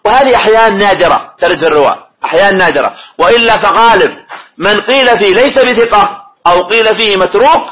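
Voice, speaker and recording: High, bright-voiced male teacher. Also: fast talker, dull audio. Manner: quizzes students with prompting questions. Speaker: teacher of hadith studies. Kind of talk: classroom lecture, reading a text and explaining it. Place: classroom with students.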